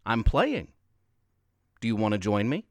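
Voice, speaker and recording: A man voicing a kind young girl who speaks gently and plainly. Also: lowish voice, very animated, a little slow, no echo, studio quality, voice pushed down. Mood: friendly.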